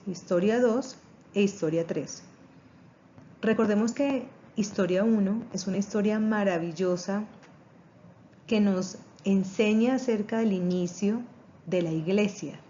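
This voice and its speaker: A woman's voice: medium pitch, a little slow, warm tone, dull audio, a little hiss or hum. A woman teaching a seminary class on church history, speaking earnestly with a preaching tone. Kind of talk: recorded class introduction.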